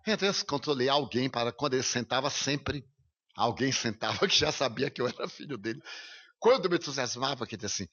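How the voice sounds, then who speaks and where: A man's voice: medium pitch, lively intonation, fast talker, fairly bright tone. A man giving a lecture, telling a personal story with emotion and vivid detail. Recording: lo-fi radio recording.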